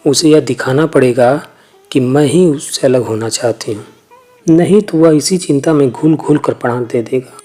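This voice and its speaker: A man narrating a classic short story in a measured, even storytelling manner. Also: mid-range voice.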